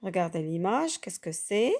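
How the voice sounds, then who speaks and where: A woman's voice: fairly low pitch, very animated, a little slow, darkish tone. A woman teaching French pronunciation to beginners. She speaks patiently, repeats each sound, and keeps checking that her listeners follow. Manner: patient, repeats sounds and asks "d'accord?" often. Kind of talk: slow, carefully articulated lesson for beginners.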